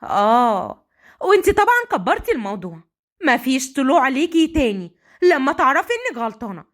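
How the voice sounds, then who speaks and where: A woman voicing a protective older sister who scolds briskly. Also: high-pitched, sing-song. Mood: scolding.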